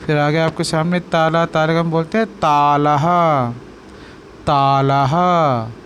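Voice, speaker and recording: Slow call-and-response male Sanskrit teacher. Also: fairly high pitch, little pitch movement, fairly bright tone, a little hiss or hum. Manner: repeats each word slowly with call-and-response questions. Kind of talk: teaching lesson to children over picture slides. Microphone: screen-recorded voice-over.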